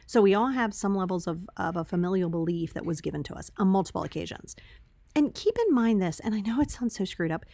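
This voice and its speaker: A woman talks casually as a solo podcast host, chatty and conversational, often checking in with the listener. Her voice sits at a medium pitch. The sound is dry and a little tin-canny, as picked up by a laptop's built-in microphone. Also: animated, fast, dark tone, no echo. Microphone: laptop microphone, with headphones on.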